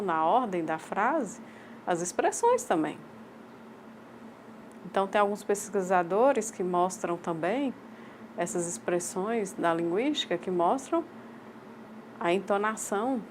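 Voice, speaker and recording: A woman's voice: lowish voice, a little hiss or hum. Brazilian woman voicing a lecture in chunks. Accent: Brazilian Portuguese. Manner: measured, halting phrasing in short chunks. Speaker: voice interpreter for a sign language lecturer. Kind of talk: voiced interpretation of a lecture.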